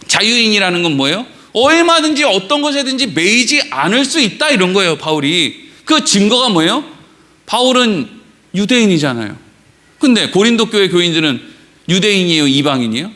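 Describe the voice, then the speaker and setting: A middle-aged pastor preaches in a church with a high, bright voice. He tells stories with energy, acts out his characters' lines and keeps asking the congregation questions. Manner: animated storyteller, acting out dialogue and asking the congregation questions. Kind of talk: Wednesday sermon with storytelling. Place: church sanctuary.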